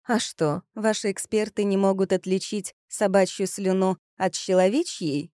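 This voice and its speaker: A woman reading the part of a lively, stubborn female amateur detective in an audiobook. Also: mid-range voice, dry recording, clean studio sound, close to an everyday voice. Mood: indignant. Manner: quick, indignant questioning. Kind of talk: audiobook character voice.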